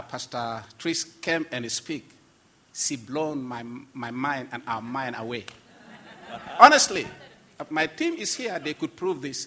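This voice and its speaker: A pastor from South Sudan, appearing as a guest, gives an earnest, emphatic testimony in conversation, restarting often. His voice is a little high, pushed and bright.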